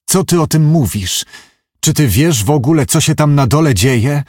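A man's voice: a little high, expressive, normal speed, a little mellow, husky, no room sound, clean studio sound, voice pushed up. A man reading an audiobook, voicing a gloomy, shaken businessman who talks in anxious, confiding tones. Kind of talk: audiobook character voice.

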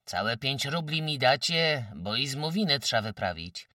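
A man voicing a defiant, sullen young peasant son making gruff demands. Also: fairly low pitch, lively intonation, unhurried, bright, forceful tone, no echo, studio quality, distant mic, exaggerated voice.

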